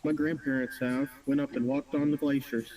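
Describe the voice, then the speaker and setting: Mellow man chatting, slightly distant. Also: medium pitch, level tone, brisk. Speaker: podcast regular, store worker. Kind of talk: casual chat and anecdotes. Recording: distant mic, faint background noise.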